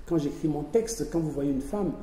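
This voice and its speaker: An author speaks spontaneously at a public event, emphatically repeating phrases and acting out little dialogues. His fairly high, warm voice comes at a moderate pace from far off in an echoey hall, with faint noise.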